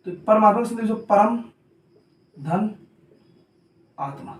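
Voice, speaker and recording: Slow and high-pitched with lively intonation, a male coaching teacher delivers a classroom grammar lesson built on repeated call-and-answer questions he answers himself. He comments that he talks in a hurry, and the faraway mic captures a roomy echo.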